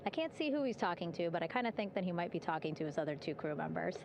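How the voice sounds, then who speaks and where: A woman's voice: lowish voice, animated, quick pace, vocal fry, highs cut off, background noise. A woman giving live, chatty commentary on an event as it unfolds. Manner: upbeat, chatty, warm-hearted narration with light laughs. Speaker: broadcast commentator.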